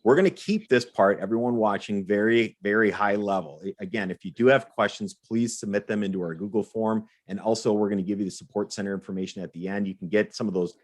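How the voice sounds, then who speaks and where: This co-host of a live Q&A has a fairly low voice and lays out the rules for viewers quickly, with hardly any pauses. He explains step by step but keeps stumbling, repeating a word as he restarts before landing his point.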